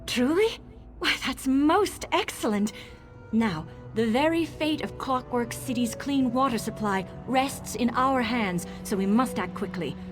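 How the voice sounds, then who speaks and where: A synthetic female voice plays a brisk, self-assured engineer in a fantasy video game, speaking with precise technical confidence. She sounds pleased, with a high-leaning, expressive delivery over music.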